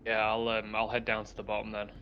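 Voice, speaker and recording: A man's voice: fairly low pitch, completely flat delivery, fast talker. Hesitant male player, muffled lo-fi sound. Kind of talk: casual game chat.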